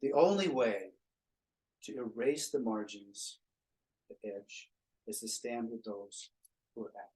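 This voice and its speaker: A man presenting to a small faith gathering, reflective, quoting writers and pausing often. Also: medium pitch, a little mellow, slightly rough, poor audio. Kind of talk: informal group talk.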